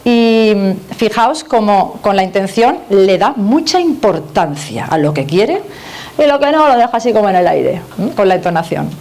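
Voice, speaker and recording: A woman's voice: mid-range voice, normal speed. A woman from Spain with a Spanish accent giving a live communication masterclass, chatty and direct, often checking in with the audience. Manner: lively, conversational, addresses audience directly with tag questions.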